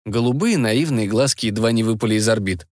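A man narrating a comic fairy tale audiobook in an expressive, wry manner. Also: fairly low pitch, fairly quick, no room sound, clean studio sound.

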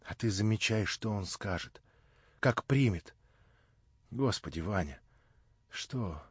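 Weary, soft-spoken young woman, read by a man, dry close audiobook sound. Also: fairly low pitch, expressive, takes it slowly, husky, no echo, highs cut off, heavily acted. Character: tired anxious young woman.

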